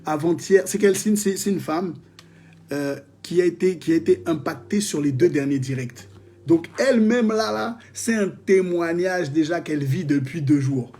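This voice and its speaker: A man leading a live-streamed prayer session, reading testimonies and preaching in a lively, exclamatory way, often joking with his viewers. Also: a little high, moderate pace. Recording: faint music behind.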